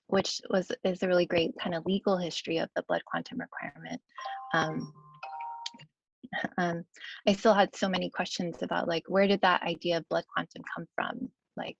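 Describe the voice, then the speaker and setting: A young woman with a lowish, gravelly voice answers questions as a scholar, hedging with fillers and tagging "right?" onto her points. The video call audio is dull and dry. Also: dry recording. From United States, Kentucky. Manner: hesitant, many fillers and "right?" tags. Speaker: guest scholar. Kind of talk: online Q&A answer.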